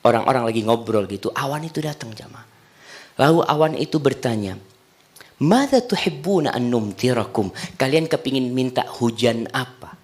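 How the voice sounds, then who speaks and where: Animated man preaching a sermon. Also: normal speed. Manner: animated, swings between soft hushed lines and loud high cries; addresses the congregation directly, asks them questions.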